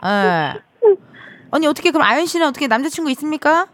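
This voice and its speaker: A woman in her thirties hosts a radio show from a studio, chatting and teasing a caller in a casual, playful way. Her voice sits a bit high and moves animatedly up and down. The sound is dry and close, with no room echo. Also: big pitch swings, fast, fairly bright tone. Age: 30s. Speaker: radio host. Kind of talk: casual radio phone chat. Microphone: studio microphone.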